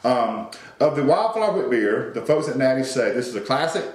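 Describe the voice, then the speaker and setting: A man's voice: mid-range voice, very animated, brisk, roomy sound. A man co-hosting a casual beer review chat, reading notes with fillers and restarts. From North Carolina. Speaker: beer review podcast co-host.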